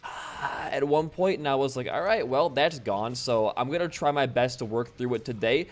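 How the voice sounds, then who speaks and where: A laid-back young man from Wisconsin, USA, hosts a gaming channel and rambles casually as he comments on his gameplay. His mid-range voice moves at normal speed and sounds slightly hoarse after losing his voice. Faint game music plays behind him.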